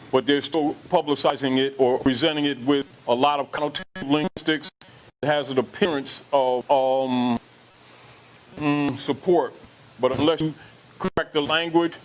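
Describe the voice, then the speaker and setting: A man's voice: a little high, rough recording. A man giving an emphatic lecture to an audience, repeating points and asking rhetorical questions.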